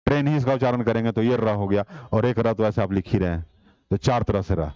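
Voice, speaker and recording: A man's voice: on the low side, brisk, warm tone, smooth, dry recording, lo-fi sound. A man teaching an online exam-prep class, explaining step by step and putting rhetorical questions to the class.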